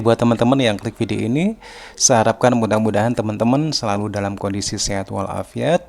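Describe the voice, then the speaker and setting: A man's voice: lowish voice, creaky, darkish tone. A man hosting a reaction channel, greeting viewers in a casual, friendly vlog opening.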